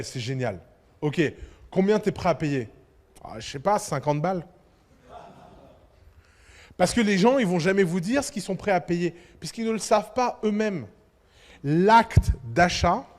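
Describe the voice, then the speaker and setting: A man with a high voice speaks to an audience with emphatic energy. He fires off rhetorical questions and acts out little dialogues. A long hall reverb hangs after each phrase. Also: darkish tone. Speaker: entrepreneur giving a talk. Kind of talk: lively speech to an audience.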